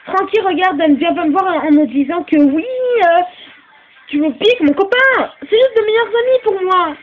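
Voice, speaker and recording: High-voiced woman dubbing every role. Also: animated, normal speed, narrow, tinny audio, slight background noise. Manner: switches pitch for each character, often tearful. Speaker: fan voice actor doing all parts. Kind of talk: homemade fan dub of a doll drama.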